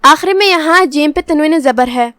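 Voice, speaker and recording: A woman with a high, light voice leads a slow recitation lesson and goes through each letter with careful, patient explanation. The sound is dry and close, with no room echo. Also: a bit bright. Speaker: Quran recitation teacher.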